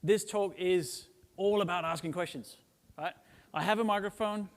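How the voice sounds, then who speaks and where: Middle-aged man from Denmark, slightly high voice, chatty jokey conference speaker, long hall reverb. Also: moderate pace. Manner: chatty and joking, with frequent "right?" tags and "um" fillers. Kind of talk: casual conference talk.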